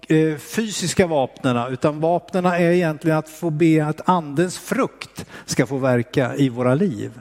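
A man's voice: fairly high pitch, darkish tone, in a large hall. A man preaching a sermon in a hesitant, pastoral manner.

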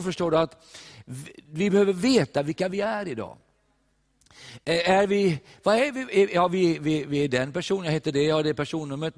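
An older man from Sweden preaching a sermon, animated and emphatic, recorded in a church. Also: on the high side. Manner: animated, rising to emphatic peaks. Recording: long church reverb.

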